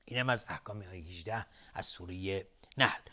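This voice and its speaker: A man with a low voice and a bright, forceful tone explains tajweed on TV, teaching the rules of Quran recitation methodically from a studio. He repeats sounds over and over as drills.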